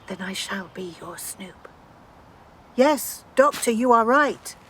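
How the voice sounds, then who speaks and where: A woman's voice: a little high, expressive, takes it slowly, noisy background. An actress playing a blunt, fierce young warrior woman in an audio drama, speaking in a literal way.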